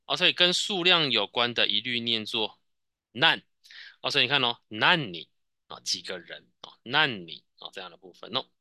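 Bright-voiced Taiwanese man teaching Japanese. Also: mid-range voice, animated, moderate pace, no echo. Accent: Taiwanese Mandarin. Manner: patient, repeats answers, frequent "哦" tags. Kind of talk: classroom teaching with student drills.

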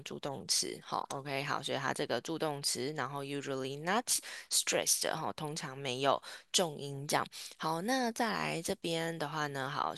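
A woman's voice: deep voice, creaky, a bit bright, dry recording, studio quality. A woman teaching an English lesson. She patiently explains grammar and starts nearly every phrase with "好".

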